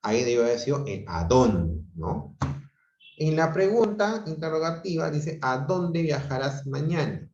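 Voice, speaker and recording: A man's voice: a little high, lively intonation, unhurried, darkish tone, muffled recording. Man teaching over a roomy video call. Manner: explanatory, checks in with "ok?" and "¿no?". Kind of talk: online grammar class. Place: home room on a video call. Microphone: video call microphone.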